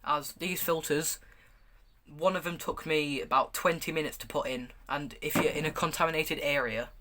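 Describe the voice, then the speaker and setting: A man's voice: a little high, steady tone, moderate pace, noisy background. A man giving a casual, hands-on product review, speaking in a stop-start, hesitant way with repeated words. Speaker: gas mask reviewer. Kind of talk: casual product review, showing items to camera.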